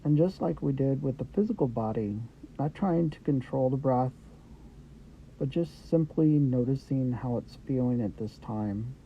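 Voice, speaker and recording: Leading a Yoga Nidra session, a male meditation guide speaks softly and slowly at medium pitch, pausing between brief instructions. It's a dull, lo-fi recording with noise in the background.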